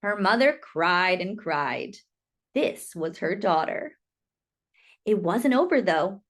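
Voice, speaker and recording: This woman's voice is on the low side, lively and a little bright as she expressively reads a picture book for kids. She phrases things dramatically and deliberately, drawing out the words she stresses.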